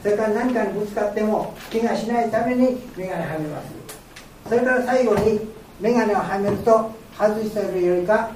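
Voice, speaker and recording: An older woman who is blind gives an informal talk to a group as a guest speaker, answering questions and explaining patiently in short phrases. Her mid-range, slightly mellow voice moves at normal speed, recorded with a distant mic in a very echoey room with faint noise.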